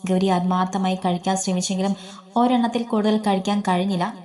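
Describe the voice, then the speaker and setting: A woman narrating a scripted story in a gentle, even reading voice. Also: medium pitch, brisk.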